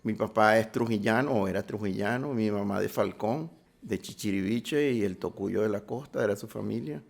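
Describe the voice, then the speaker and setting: An older man, a sound designer guest, telling stories of his life in an interview with a halting, reminiscing manner. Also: fairly low pitch, gravelly. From Venezuela. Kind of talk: interview storytelling.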